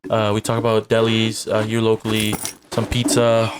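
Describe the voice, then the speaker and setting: Californian guy doing the podcast outro, pretty monotone, noisy audio. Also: on the low side, moderate pace. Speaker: podcast co-host. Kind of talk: casual chat and outro. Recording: noisy home podcast recording.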